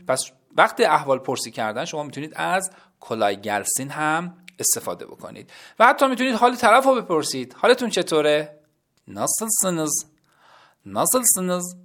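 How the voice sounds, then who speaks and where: Male language teacher, audio lesson, slightly high voice that swings widely, friendly classroom manner. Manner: lively, addresses listeners as kids, repeats words slowly.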